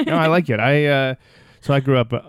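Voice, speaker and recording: A man from Toronto hosting a casual podcast chat, relaxed and rambling with fillers. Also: mid-range voice, normal speed, clean tone, no echo, studio quality. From Toronto, Canada. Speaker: podcast host.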